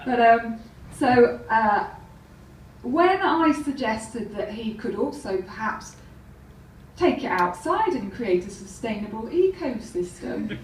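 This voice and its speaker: A woman's voice: fairly high pitch, animated, slow, a little hiss or hum. A woman telling wry, rambling anecdotes in a stand-up comedy set, laughing at her own jokes. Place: live comedy venue. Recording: roomy, distant mic with faint ambience.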